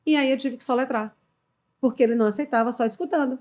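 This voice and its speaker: Brazilian woman, middle-aged, lively storyteller who voices her own quotes, slightly high voice. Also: fast talker. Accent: Brazilian Portuguese. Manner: animated storyteller, acts out quoted dialogue. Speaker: HR consultant, podcast guest. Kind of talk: casual storytelling in a podcast conversation.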